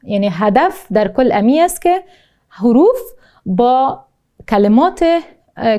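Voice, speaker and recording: A woman with an Afghan Dari accent teaching a recorded language lesson, slowly repeating each word twice and explaining with frequent hesitations. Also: a little high, dark tone. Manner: slow, deliberate pronunciation drills, repeating each word twice. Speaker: Arabic teacher.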